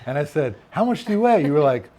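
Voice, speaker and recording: A man hosting a casual podcast interview, relaxed and reacting with short remarks. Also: a little high, quick pace, a crowd in the background. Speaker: podcast host.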